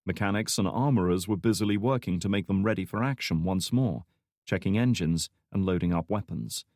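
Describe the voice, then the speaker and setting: A man with a low voice narrates a thriller audiobook in a steady, measured way. The recording is dry and close, with no room sound. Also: no echo. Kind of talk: scripted narration.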